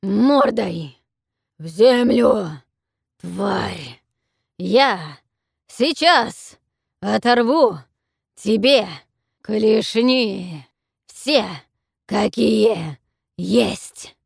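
A woman's voice: animated, very slow, vocal fry, long pauses, husky, no room sound, studio quality, exaggerated voice. Woman voicing a roaring bronze dragon tyrant. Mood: furious. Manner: booming, commanding, mocking.

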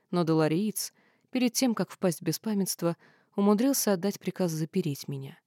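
Female audiobook narrator, wry and expressive, low dark voice. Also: no room sound, studio quality. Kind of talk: first-person audiobook narration.

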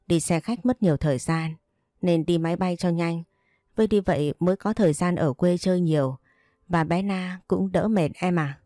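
A gentle, caring man, as a woman narrator reads him. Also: on the low side, moderate pace, no room sound, studio quality, close to an everyday voice. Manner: gentle, reassuring.

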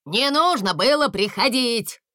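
A woman voicing a small, hot-tempered little man who guards a castle gate, with a squeaky, shrill voice. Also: very animated, a little slow, bright, forceful tone, no room sound, clean studio sound, heavily acted. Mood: threatening. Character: squeaky fussy little man, fierce gatekeeper.

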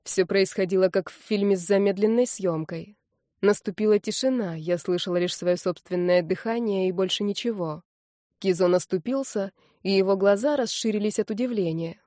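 A woman's voice: medium pitch, moderate pace, mellow, no echo, clean studio sound. Woman narrating an audiobook. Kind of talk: first-person audiobook narration.

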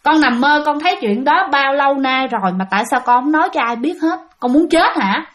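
A woman's voice: high-pitched, animated, fairly quick. A woman voicing a stern middle-aged mother scolding her son. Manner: sharp, scolding.

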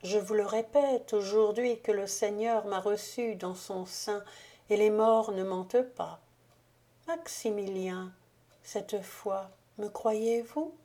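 A woman voicing the ghost of a dead countess in an audiobook, speaking gravely, solemnly and softly. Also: medium pitch, slow pace, close to an everyday voice. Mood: solemn, hushed. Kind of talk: audiobook reading.

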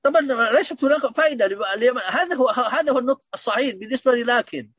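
A man's voice: very high-pitched, very fast, fairly bright tone, no room sound, lo-fi sound. A man teaching Arabic grammar online, patiently repeating points and quizzing his students.

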